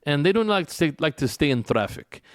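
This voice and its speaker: A man's voice: on the high side, very animated, a little fast, no echo, studio quality. A man putting on a Russian accent to voice a terse male Uber driver who talks in clipped, broken English. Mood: matter-of-fact. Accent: Russian, put on.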